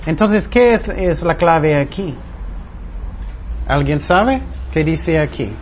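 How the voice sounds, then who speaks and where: Muffled higher-voiced man teaching a Bible study. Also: animated, slow pace. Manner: teacherly, poses questions to the group. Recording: muffled room recording with faint noise.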